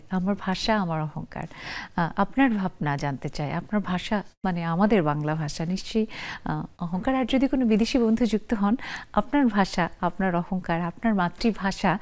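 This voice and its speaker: A woman's voice: mid-range voice, a little mellow. A woman hosting a live television talk show, inviting callers and viewers to share their thoughts. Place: TV studio.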